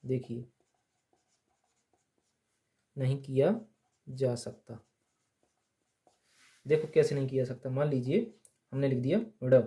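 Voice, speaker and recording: A man teaching grammar in a steady lesson, asking the class questions and answering them himself, repeating the key points. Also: medium pitch. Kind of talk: slow blackboard lesson.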